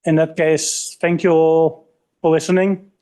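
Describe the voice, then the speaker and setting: A man wrapping up his conference talk in a relaxed, brief way and handing over to the host. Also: on the high side, a little slow, clear, resonant tone. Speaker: speaker. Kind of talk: closing a talk.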